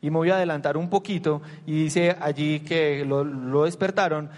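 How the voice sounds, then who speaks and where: Animated man preaching in a reverberant hall. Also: fairly high pitch, normal speed. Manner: animated, asks the listeners rhetorical questions. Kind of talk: conversational sermon. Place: church hall with a congregation.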